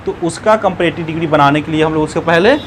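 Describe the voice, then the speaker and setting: A man teaching an English grammar lesson, explaining step by step and repeating words slowly, syllable by syllable. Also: a little high, a little hiss or hum.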